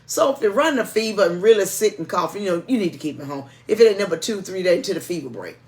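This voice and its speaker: A woman's voice: mid-range voice, expressive, fast, a little mellow. Middle-aged woman, church music director co-hosting; homespun, cautioning, conversational delivery. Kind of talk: informal announcements and chat.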